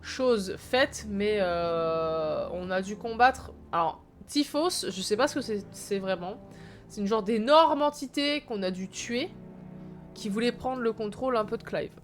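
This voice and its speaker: A woman's voice: mid-range voice, animated, measured pace. A young woman from France giving chatty, rambling, playful commentary while streaming a game. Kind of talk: casual gameplay commentary. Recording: stream with game music behind.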